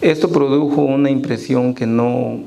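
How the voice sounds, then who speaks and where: A man's voice: mid-range voice, fairly even intonation, moderate pace, gravelly, dark tone, poor audio. Man leading Bible study. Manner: reads scripture aloud and quizzes the congregation. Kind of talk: church Bible study teaching. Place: church.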